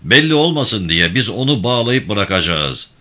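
A stern militia band leader gives orders in a voice pitched higher and louder than the reader's own, as a man puts him on. He talks in a commanding, clipped way with lively swings in pitch. The tone is bright and forceful. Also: moderate pace.

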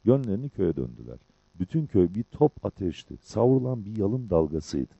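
A male audiobook narrator telling the story in a measured way, with a low, husky, dark voice. His pitch moves expressively. The recording is dry and sounds dull. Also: very animated, no echo.

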